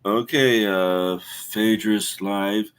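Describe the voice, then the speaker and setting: A man in his forties talks casually to a live-stream audience in a lowish voice. He rambles and stops often, filling gaps with "uh" and "um" and restarting his sentences as he thinks out loud. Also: fairly even intonation, smooth. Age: 40s. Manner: rambling, halting with many fillers and restarts. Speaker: streamer host.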